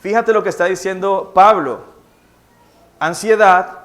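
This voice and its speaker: A man's voice: high voice, a little slow. A young Colombian man preaching a sermon in a church, telling stories vividly and asking questions that he then answers himself. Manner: animated storytelling preacher, asks questions and answers them. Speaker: pastor. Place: church hall.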